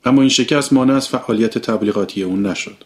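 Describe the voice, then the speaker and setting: A man reading a story aloud as an audiobook, sharing narration and character lines. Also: mid-range voice.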